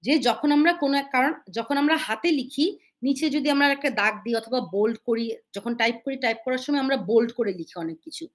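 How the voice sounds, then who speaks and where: Give me a high-pitched woman teaching an IELTS speaking webinar. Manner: mixes Bengali with English phrases, slows down to read English points aloud. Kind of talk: live webinar lesson. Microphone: webinar microphone.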